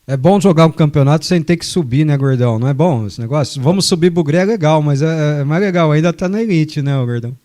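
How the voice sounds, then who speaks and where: A man's voice: on the high side, quick pace, few pauses, mellow. A man hosting a radio sports show, chatting casually, joking and reading listener messages. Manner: chatty, joking, long explanations. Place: radio studio.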